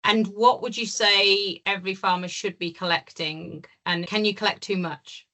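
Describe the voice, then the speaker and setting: A woman hosts a podcast, putting questions politely and in a measured way. Her voice is bright and fairly sharp, with an ordinary middle pitch. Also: steady tone. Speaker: podcast host. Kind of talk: podcast interview.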